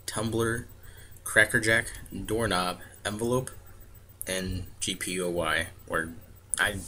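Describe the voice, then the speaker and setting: A young American man with a low-pitched voice and a bright, sharp edge. He talks casually and plainly, stumbling and correcting himself as he goes. The webcam recording carries faint background noise. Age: 20s. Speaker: vlogger answering a questionnaire. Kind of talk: casual chat with word-list and book reading. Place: small home room, indoors. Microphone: webcam or laptop mic at arm's length.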